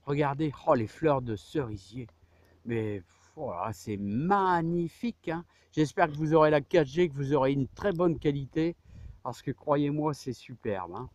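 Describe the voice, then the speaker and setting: A middle-aged man shows off the trees in his amateur orchard, speaking outdoors in a slightly high voice at a slightly slow pace. He's casual and keen but hesitant, wandering off topic, going over the same points, and tacking small tags onto his sentences.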